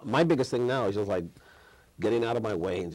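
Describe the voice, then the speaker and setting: A man in his fifties from Chicago, a guest filmmaker on a TV studio set, speaks thoughtfully in an interview, often restarting and letting phrases trail off. His voice is on the low side and darkish, his pace a little fast, and the recording is low quality.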